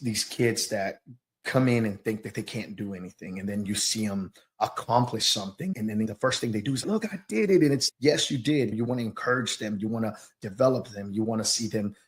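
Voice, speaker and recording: Slightly nervous, this podcast interviewee from Oaxaca in southern Mexico, who runs a business and coaches youth soccer, reflects on his personal story. He talks in a fairly low voice with fairly even intonation, his speech halting as he searches for words.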